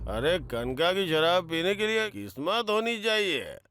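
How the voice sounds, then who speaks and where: A man's voice: high-pitched, big pitch swings, unhurried, fairly bright tone, a little hiss or hum, exaggerated voice. An actor playing a harsh, drunken village father who scolds and threatens his family, in a Hindi film dub. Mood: boastful.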